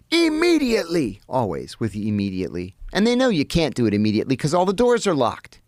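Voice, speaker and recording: A middle-aged man telling stories as a podcast guest, animated and vivid, often restarting his sentences. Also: lowish voice, vocal fry, no echo, clean studio sound. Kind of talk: anecdotal storytelling in conversation. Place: podcast studio.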